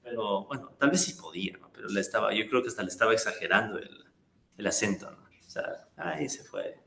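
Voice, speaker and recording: A man's voice: lowish voice, fast talker, gravelly, bright, forceful tone, reverberant. A man lecturing a class, chatty and full of tag questions. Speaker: economics lecturer.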